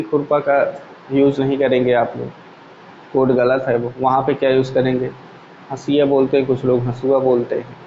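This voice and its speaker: A male computer teacher with a mid-range voice gives a classroom lecture, explaining step by step with everyday examples and asking the class questions. The recording is dull and lo-fi, made in an echoey room with a faint hum.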